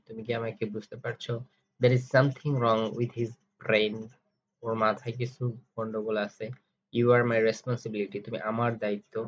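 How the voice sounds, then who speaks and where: Guy teaching english phrases, flat slow delivery, dull lo-fi sound with faint hiss. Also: mid-range voice. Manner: reads an English phrase slowly, then its translation quickly. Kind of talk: phrase-by-phrase language lesson.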